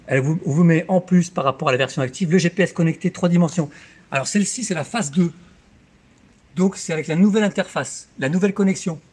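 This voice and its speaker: A man giving a live infomercial sales pitch as a car dealership presenter, with emphatic hard-sell patter that repeats key figures. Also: darkish tone. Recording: clear background noise on location.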